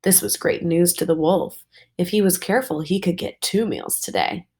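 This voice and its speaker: Expressive woman teacher reading a story. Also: fairly low pitch. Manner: expressive storytelling, clear and slow. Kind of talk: reading a storybook aloud to students.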